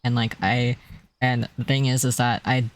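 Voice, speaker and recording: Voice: mid-range voice, flat delivery, moderate pace. A streamer chatting casually on a live stream, telling stories in a rambling way with many restarts and a self-described weak, easily strained voice.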